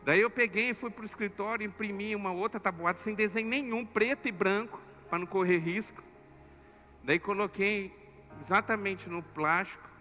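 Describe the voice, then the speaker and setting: Male pastor, high, bright voice, animated storytelling, reverberant church. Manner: emotional and animated, acting out the story. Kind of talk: sermon storytelling. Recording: echoey church hall with soft music.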